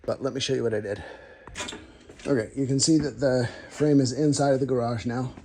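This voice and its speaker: Speaking a little fast in a mid-range voice, this man keeps his intonation fairly even and his tone a little mellow. He's a DIY car vlogger chatting loosely to camera in his home garage about his car project, wandering off topic now and then. Slight background noise can be heard.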